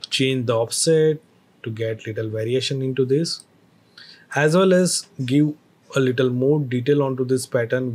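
A man walks through a screen-recorded software tutorial, explaining each step with hesitant phrasing and fillers. His voice is mid-range and slightly rough.

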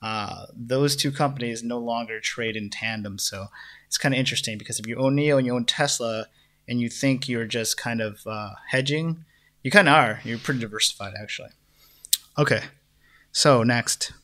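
A man's voice: medium pitch, normal speed, fairly bright tone. A young adult man hosting a casual stock analysis video, talking loosely with many fillers and restarts. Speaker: stock market video host.

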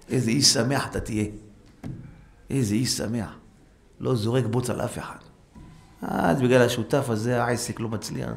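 A rabbi giving an animated Torah lesson, exhorting his listeners with repeated rhetorical questions and acting out quoted voices. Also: creaky. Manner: animated, acts out quoted voices with sharp pitch jumps. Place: synagogue hall. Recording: faint background noise, live stream.

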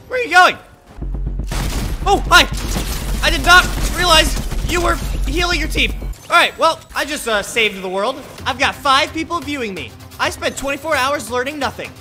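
A man talking through a voice changer that raises his pitch, giving playful, self-mocking gameplay commentary as a video creator. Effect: voice changer raising the pitch.

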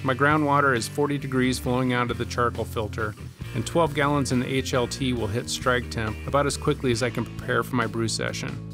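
A man in his forties, a home brewer, narrating a scripted voice-over with a measured, steady delivery. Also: medium pitch. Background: guitar music.

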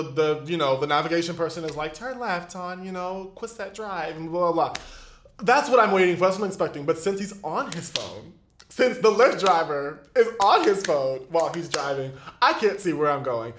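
Animated young man telling a story. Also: on the high side. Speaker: vlogger. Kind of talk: storytime vlog. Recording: echoey room.

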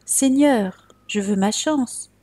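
Woman voicing a frightened, pleading luckless man. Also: slow pace. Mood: earnest. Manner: high-pitched, pleading, loud.

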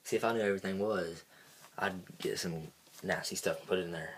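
A man's voice: deep voice, fairly even intonation, a little fast. A teenage guy chatting casually and jokily with a friend in slangy speech, on a home phone video. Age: teens. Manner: slangy, says "dude" and "bro" often. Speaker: challenge vlogger. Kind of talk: casual joking chat with a friend. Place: small bedroom, indoors. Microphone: phone or camera a step away.

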